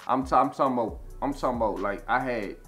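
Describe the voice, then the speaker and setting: A man in his thirties talks through his story in a loose, rambling way, peppered with swearing and filler phrases. His voice sits at an ordinary middle pitch, with faint music playing behind him. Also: fast, fairly bright tone. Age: 30s. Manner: rambling, repeats "you know what I'm saying", profane. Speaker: interview guest. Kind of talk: casual storytelling.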